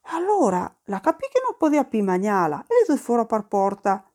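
A woman telling a folk tale, with lively asides in local speech. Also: on the high side, a little fast. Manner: lively, slips into dialect asides. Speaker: storyteller. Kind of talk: folk storytelling.

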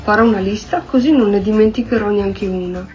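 A woman's voice: medium pitch, brisk, darkish tone, dull audio, faint music behind, lightly acted. A woman voicing a fussy little toad who loves his lists, in an eager, exclaiming storybook voice.

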